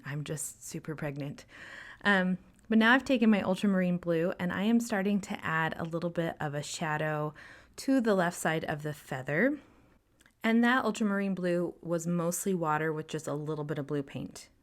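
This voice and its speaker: A young woman narrating a painting tutorial voice-over, breathy and out of breath, explaining calmly with frequent ums. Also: fairly low pitch, moderate pace. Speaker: art instructor.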